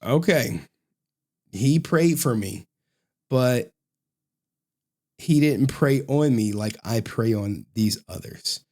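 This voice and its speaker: An American man giving casual, mocking commentary, animated and often repeating phrases for emphasis. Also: mid-range voice, slow pace, long pauses. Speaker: online commentator.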